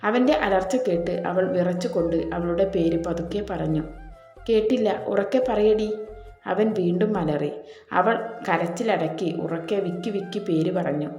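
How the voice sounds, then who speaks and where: A woman narrating a story in a gentle, even voice, reading the characters' lines without changing her voice. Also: on the low side, moderate pace. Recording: echoey room, soft background music.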